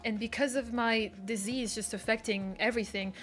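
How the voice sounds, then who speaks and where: Woman streamer, casual chat with viewers, candid, rambling, somewhat high voice, faint music behind. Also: steady tone, moderate pace, fairly bright tone. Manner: candid, rambling, with restarts and laughs.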